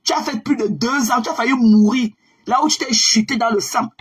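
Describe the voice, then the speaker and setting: A woman's voice: a little high, a little fast, husky. A woman hosting a live stream, confronting and mocking a rival in a repetitive, combative way.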